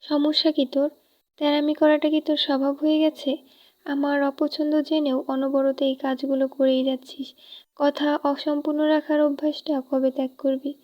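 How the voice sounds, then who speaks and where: A woman reading a storybook, voicing a curt, scolding young man in her own high voice. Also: little pitch movement, normal speed, close to an everyday voice. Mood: stern. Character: brusque stern young man, lover. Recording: dull lo-fi recording.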